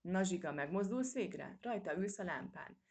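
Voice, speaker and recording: A woman's voice: lowish voice, expressive, darkish tone, slightly rough. A woman voicing a spirited young male mouse adventurer who gives orders eagerly and impatiently.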